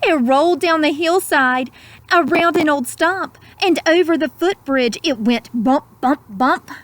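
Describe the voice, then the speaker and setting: Reading a children's story aloud, a woman speaks slowly and without hurry in a high, expressive voice. She dramatizes the lines and adds simple asides for young listeners, with no room sound audible.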